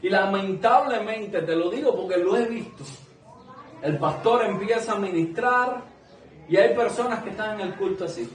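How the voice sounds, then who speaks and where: Speaking at normal speed in a high-pitched voice, a man preaches earnestly to a small congregation in a conversational way, full of rhetorical questions. The room is echoey and the microphone sits some distance away.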